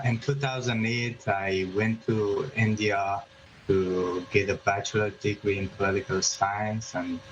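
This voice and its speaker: A man, a journalist speaking as a guest in a remote news interview, hesitant, with many fillers and restarts. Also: low-pitched. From Afghanistan. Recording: muffled remote line with background noise.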